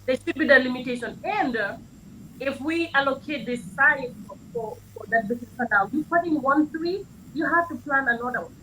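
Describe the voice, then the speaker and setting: A woman's voice: high-pitched, fairly quick, fairly bright tone, slight background noise, poor audio. A woman from Gambia speaking as a panel guest over a video call with a breaking-up connection, hesitant, with many fillers and restarts. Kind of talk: remote panel discussion.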